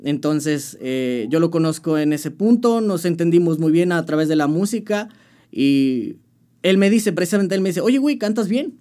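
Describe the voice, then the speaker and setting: With a fairly high pitch, a dark tone, and normal speed, this young man speaks in a Mexican Spanish accent. As a musician guest in a casual interview, he shares his story with slang and frequent restarts.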